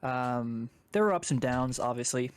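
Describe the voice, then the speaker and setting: A man's voice: mid-range voice, lively intonation, moderate pace, clear, resonant tone. A young man from Canada, a guest on a chat stream, rambling casually through a personal story and swearing now and then.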